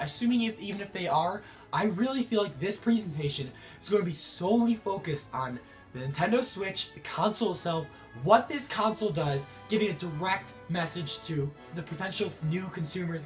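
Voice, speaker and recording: A young man vlogging about video games, sick with a cough and a rough voice, talking in an excitable, rambling way. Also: sits high. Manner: excitable, rambling, many restarts. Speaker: gaming YouTuber. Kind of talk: excited casual vlog to camera.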